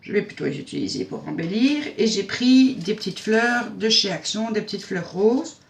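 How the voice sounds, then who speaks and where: A woman's voice: medium pitch, sing-song, normal speed, creaky. A woman hosts a casual craft tutorial. She chats in a homely way and talks through each step as she works, with frequent fillers and self-mocking humor. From Belgium.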